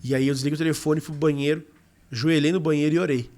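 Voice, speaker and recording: A young man in his twenties from Brazil, a podcast guest telling his life story in an animated, casual way full of fillers. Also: a little high, fast.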